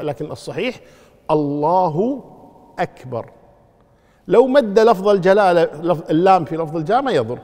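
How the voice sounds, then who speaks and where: A man's voice: high-pitched, a little mellow. A man teaching a religious lesson on prayer rules. He repeats his key points and quizzes his listeners as he goes. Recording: long reverb of a large hall.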